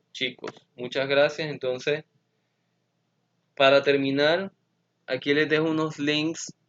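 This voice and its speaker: A man teaching an English grammar lesson, speaking very slowly and carefully and repeating his examples so students can follow. His voice sits at an ordinary middle pitch, and the recording sounds dull and lo-fi. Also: a bit bright. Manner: slow, careful explanation switching between Spanish and English.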